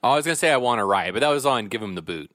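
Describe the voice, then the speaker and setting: A man's voice: mid-range voice, expressive, very fast, fairly bright tone, no room sound, clean studio sound. A man hosting a podcast in a casual, chatty style. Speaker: podcast host. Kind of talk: casual chat.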